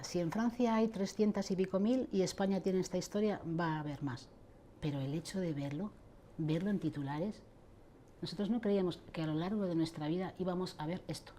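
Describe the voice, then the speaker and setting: A woman's voice: low-pitched, dark tone, slight background noise. A middle-aged woman, answering interview questions in an impassioned, indignant way and addressing church leaders directly. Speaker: interviewee, abuse survivor advocate.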